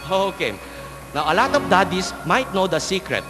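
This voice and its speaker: A man's voice: sits high, big pitch swings, moderate pace. A man with a Filipino accent doing playful, showy comedy magic patter like a kids' party magician on stage. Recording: echoey hall sound, music behind.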